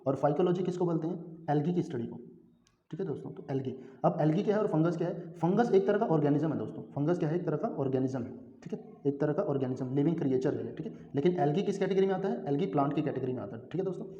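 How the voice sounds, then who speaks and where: A man's voice: on the high side, animated, quick pace, mellow. A male teacher giving an exam-prep lecture, who keeps asking questions and answering them himself and checks in often with his students. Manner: frequent "theek hai" check-ins. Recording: echoey room, dull lo-fi sound.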